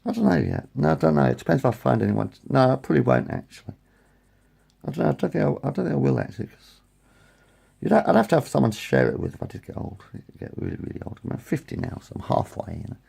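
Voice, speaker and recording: His delivery is fast and sing-song, at a medium pitch, with a mellow, slightly rough voice and vocal fry. He's a vlogger in his late forties talking casually to his phone's front camera in a meandering ramble, repeating himself and fixing what he's said as he goes.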